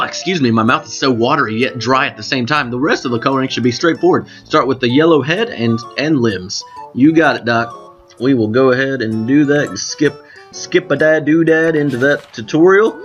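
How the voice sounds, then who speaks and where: Man, let's play host, casual rambling commentary, cracking voice, mid pitch, faint background music. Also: moderate pace, muffled recording. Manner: rambling, self-correcting, chatty asides to viewers.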